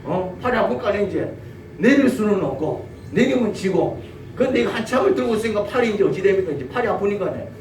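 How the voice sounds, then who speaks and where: Man, Gyeongsang accent, pastor, animated sermon, mellow high voice, echoey room, faint noise. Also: quick pace. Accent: Gyeongsang Korean. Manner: animated storytelling, asks the congregation questions. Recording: roomy church audio from a distance, faint noise.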